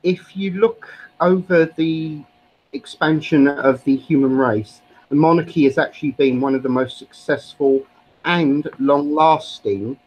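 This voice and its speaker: On a low-quality recording, a British man with a slightly high, darkish voice talks a little slowly. He's arguing politics casually on a live stream, opinionated and lecturing, and he says "actually" often.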